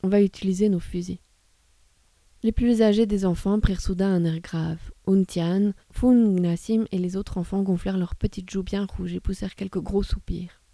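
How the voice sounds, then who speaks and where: A woman reading a literary novel aloud in a calm, even manner. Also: medium pitch, moderate pace, hardly any pauses, dry recording. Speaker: reader.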